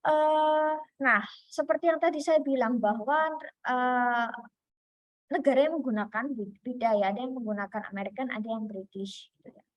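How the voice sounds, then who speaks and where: A woman lecturer from Indonesia talks her class through the lesson in a chatty way, with many fillers and restarts. Her voice sits somewhat high, and the sound is close and dry, with little room around it. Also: moderate pace, no echo. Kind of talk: online lecture.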